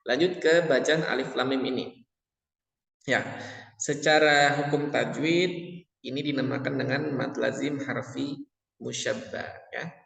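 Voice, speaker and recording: A man teaching tajwid in a patient lesson, repeating each point and chanting the verses slowly. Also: medium pitch, steady tone, creaky, a bit bright. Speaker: Quran recitation teacher. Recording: echoey room with long reverb.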